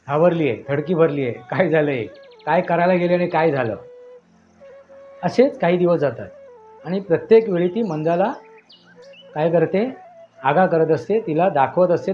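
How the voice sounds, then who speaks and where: High-voiced man telling a horror tale. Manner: emphatic, repetitive phrasing. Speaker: storyteller. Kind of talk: dramatic horror story narration. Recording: dull lo-fi audio with faint music.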